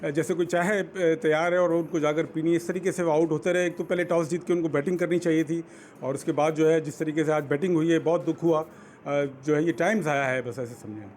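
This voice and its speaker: Disappointed Pakistani cricket analyst. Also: male voice, fairly high pitch, steady tone, brisk, a little mellow, slight background noise. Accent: Pakistani Urdu. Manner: disappointed, hesitant. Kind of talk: studio panel talk.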